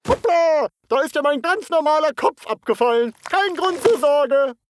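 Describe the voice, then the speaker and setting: A man voicing an excitable, theatrical cartoon character who turns out to be an alien. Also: very high voice, moderate pace, slight background noise. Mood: dramatic. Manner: theatrical, dramatic exclamations.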